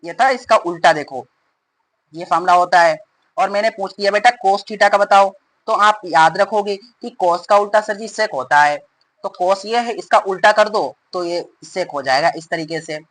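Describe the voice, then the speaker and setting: Fast-talking male math teacher. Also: high voice, a bit bright, rough recording. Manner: rapid, repetitive, addresses students as beta. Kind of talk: fast classroom explanation.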